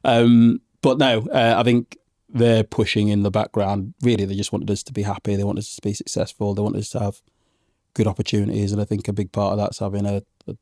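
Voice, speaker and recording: Man in his thirties, low mellow voice, dry close sound; reflective interview guest, hesitant phrasing. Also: flat delivery, a little fast, no echo. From Zambian parents, raised in England from age one. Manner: reflective, hesitant with many ums and restarts. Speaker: podcast guest. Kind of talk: conversational interview.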